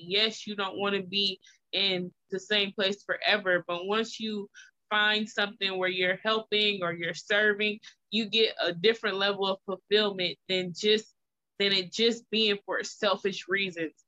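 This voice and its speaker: A woman in her thirties hosts a casual podcast chat and speaks in a reassuring, encouraging way. Her voice is bright and forward. The recording sounds a bit dull and lo-fi. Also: medium pitch, flat delivery, measured pace. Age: 30s. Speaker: podcast host. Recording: slightly muffled lo-fi audio.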